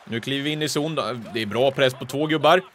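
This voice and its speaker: A man giving live, excitable commentary on his own video game play, breaking into shouts at big chances. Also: medium pitch. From Sweden. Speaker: gaming YouTuber.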